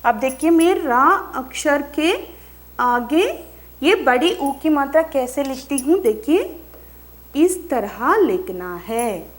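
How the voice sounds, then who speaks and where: Slow, lively woman teacher. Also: sits high. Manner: very slow, drawn-out syllables with repeat-after-me prompts. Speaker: primary school teacher. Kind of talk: slow drilled phonics lesson for young children.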